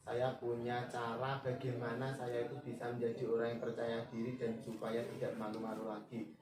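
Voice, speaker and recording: A man's voice: medium pitch, completely flat delivery, normal speed. Man, deferential student client; distant mic, roomy echo, chatter behind. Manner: polite, hesitant, deferential. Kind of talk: acted counseling role-play. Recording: echoey room, far mic, crowd noise.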